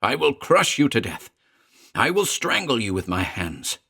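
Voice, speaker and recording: A man's voice: mid-range voice, sing-song, a little slow, vocal fry, pushed and bright, husky, pitched above the performer's own voice, full character voice. A man voicing a terrified male wizard who speaks in a choked, desperate way. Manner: choked, desperate, rising to screams.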